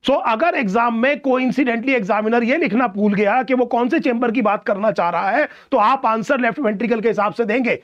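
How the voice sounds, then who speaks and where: High-voiced man teaching biology. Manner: slows down for English phrases. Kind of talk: live online exam-prep lecture. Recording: dull lo-fi audio.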